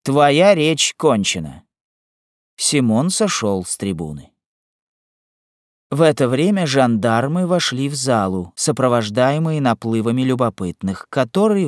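Slow, expressive male narrator. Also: mid-range voice, dry recording, clean studio sound. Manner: expressive, unhurried. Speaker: audiobook narrator. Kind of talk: scripted narration of a classic novel.

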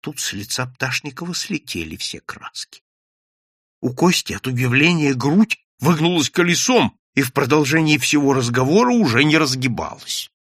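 Husky expressive male audiobook narrator. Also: mid-range voice, moderate pace, no echo, studio quality. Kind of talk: scripted literary narration.

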